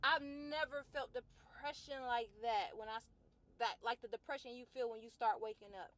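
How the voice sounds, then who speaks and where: A fitness trainer and vlogger, a woman ranting to camera in a colloquial, outspoken way, swinging between loud outbursts and low, quiet musing. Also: fairly even intonation, normal speed. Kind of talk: personal rant to camera.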